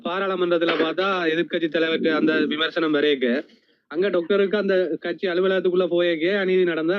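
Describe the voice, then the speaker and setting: A man with a Sri Lankan Tamil accent making a measured case as a live stream guest. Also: fairly high pitch, smooth. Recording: dull dry lo-fi stream audio.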